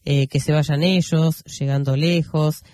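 A man, hosting and reading news commentary, unhurried and full of fillers and self-corrections. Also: a little high, steady tone, a little mellow, dry recording, clean studio sound. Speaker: radio host.

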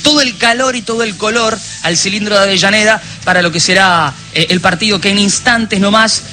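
A man's voice: high-pitched, fairly quick, pushed and bright, faint music behind. A man with an Argentine accent hosting a live sports radio show, linking segments in chatty talk full of fillers. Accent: Argentine Spanish. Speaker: studio radio host.

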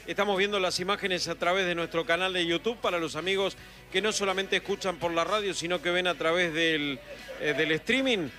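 High bright man hosting live radio. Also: fairly quick, soft background music. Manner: conversational, addresses reporter by name. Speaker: studio radio host.

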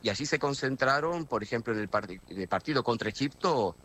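A middle-aged man from near Buenos Aires, with an Argentine accent from that area, talks at a quick pace in a medium-pitched, slightly bright voice with lively intonation. He is a guest correspondent on a radio phone interview, chatty and constantly hesitating and restarting.

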